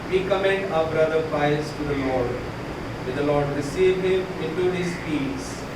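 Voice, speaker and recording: A male priest reads funeral prayers and scripture with solemn, measured phrasing. His voice sits a little high for a man. It is recorded from some distance in a very echoey space, with loud rumbling noise behind him. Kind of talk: liturgical prayer and scripture reading.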